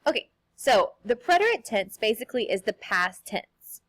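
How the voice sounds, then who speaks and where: A woman's voice: fairly high pitch, very animated. Upbeat woman teaching a language lesson. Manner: upbeat, sing-song teacherly delivery with slow, careful modeling of examples. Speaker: Spanish teacher. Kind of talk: recorded classroom lesson.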